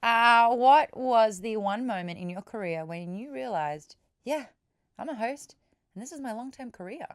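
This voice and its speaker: A woman's voice: a little high, animated, normal speed, no room sound, clean studio sound. A woman, co-hosting a podcast in casual, teasing chat. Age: 30s. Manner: teasing, playful. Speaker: podcast co-host.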